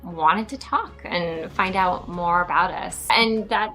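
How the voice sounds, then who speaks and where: Soft-spoken woman co-hosting a family vlog. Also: on the low side, soft background music. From United States. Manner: measured, reflective, friendly. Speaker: vlog co-host, mother. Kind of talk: casual family vlog talk.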